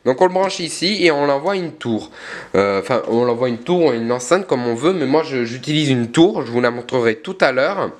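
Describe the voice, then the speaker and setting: Hesitant young man vlogging casually. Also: fairly high pitch. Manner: hesitant, many fillers and self-corrections. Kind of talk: casual vlog presentation.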